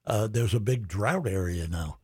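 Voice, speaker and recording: A man's voice: on the low side, normal speed, warm tone, husky. A man, a pastor co-hosting a talk show, speaking in a folksy, preacherly way with light humor. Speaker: pastor and co-host. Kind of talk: casual chat.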